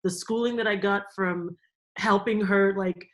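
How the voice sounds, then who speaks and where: A woman from Cameroon, a guest in an interview, telling stories in a lively, animated way and laughing often. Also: mid-range voice, a little slow, rough recording. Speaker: guest, theme park company executive. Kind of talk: conversational interview.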